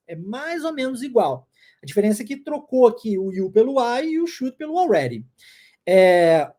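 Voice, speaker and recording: A woman with a Minas Gerais Brazilian accent giving a chatty, playful English lesson and drilling words slowly. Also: medium pitch, warm tone. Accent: Brazilian Portuguese, mineiro (Minas Gerais). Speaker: English teacher. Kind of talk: casual online English lesson.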